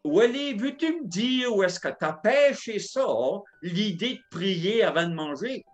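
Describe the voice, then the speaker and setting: A man voicing a gruff, impatient, skeptical male settler with a blunt, raised, scoffing voice. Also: high voice, lively intonation, a little slow, faint music behind.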